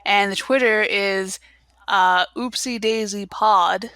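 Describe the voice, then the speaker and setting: A woman's voice: medium pitch, fairly even intonation, takes it slowly, fairly bright tone, clear, resonant tone, dry recording. A woman co-hosting a casual podcast chat, giggling often and rambling with fillers. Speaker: podcast co-host.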